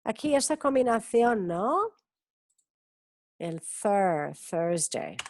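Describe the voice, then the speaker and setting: A woman teaching an English class over a video call. She drills each word slowly, stretches the sounds and keeps checking with "ok?". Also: on the low side, a little mellow. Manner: slow, drawn-out pronunciation drills with frequent "ok?" checks. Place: community centre in Barcelona.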